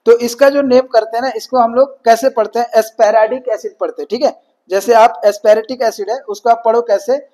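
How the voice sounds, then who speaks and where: High-voiced man teaching in Hindi-English. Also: fairly even intonation, moderate pace, dark tone, rough recording. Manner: mixes Hindi and English, repeats "ठीक है" often; asks questions and answers them himself. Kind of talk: exam-prep lecture.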